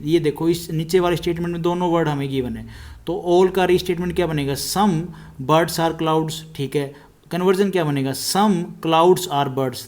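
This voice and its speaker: Guy teaching exam prep, kinda high voice, on the bits, goes step by step. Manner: explains step by step, repeats statements slowly while writing.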